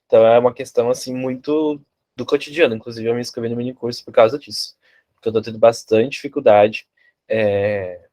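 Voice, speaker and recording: A man's voice: medium pitch, fairly even intonation, a little fast, dark tone. A Brazilian man taking part in an online course, talking casually and hesitantly on a video call. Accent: Brazilian Portuguese. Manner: hesitant, filler-heavy, "assim" and "né". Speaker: course participant.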